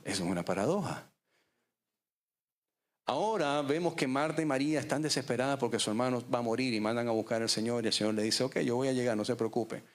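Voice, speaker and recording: A man, preaching a sermon as pastor, with dramatic pauses. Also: mid-range voice. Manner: preaching with dramatic pauses, acting out voices in stories.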